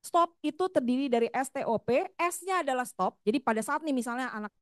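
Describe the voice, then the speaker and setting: A woman's voice: sits high, brisk, no room sound, studio quality. A middle-aged woman psychologist giving a seminar talk on parenting, acting out what parents and children say. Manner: animated, acts out parent and child quotes.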